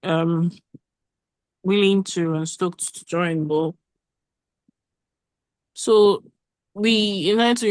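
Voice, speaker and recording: Meeting lead, woman, lower voice, quick run-on delivery, dry video-call audio. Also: no echo. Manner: quick, run-on talk with restarts. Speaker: working group meeting lead. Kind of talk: casual meeting update.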